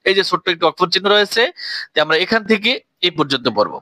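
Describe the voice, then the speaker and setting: A man with a Bengali accent teaches Quran reading in a bright, slightly raised voice. He spells each letter with its vowel mark, drags the recited words out slowly, and drops into quicker asides to explain the rules. The sound is dry and close. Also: sits high, big pitch swings, dry recording, low-quality recording. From Bangladesh. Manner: slow drawn-out recitation between quick spoken explanations.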